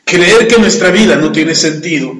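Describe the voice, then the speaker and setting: A pastor preaching a sermon and telling stories, often putting questions to the congregation. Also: male voice, high-pitched, normal speed, a bit bright. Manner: storytelling, asks the congregation questions. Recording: echoey hall, long reverb.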